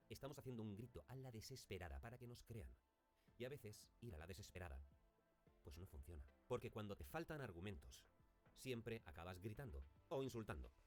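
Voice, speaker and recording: Man teaching intonation with lively pitch. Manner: didactic, demonstrates intonation by repeating example phrases with shifting stress. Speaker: speech teacher. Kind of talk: recorded video lesson.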